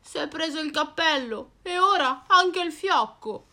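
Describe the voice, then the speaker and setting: A woman voicing a friendly, excitable dog in a storybook reading, eager and chatty. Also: high voice, unhurried, pitched above the performer's own voice, exaggerated voice.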